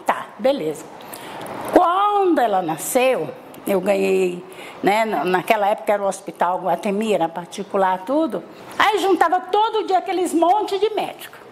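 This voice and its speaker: A woman's voice: medium pitch, big pitch swings, normal speed, a little hiss or hum. A middle-aged woman from Bahia telling her life story in an interview, chatty, with many tag questions and restarts. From Salvador, Bahia, Brazil. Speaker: interviewee, mother.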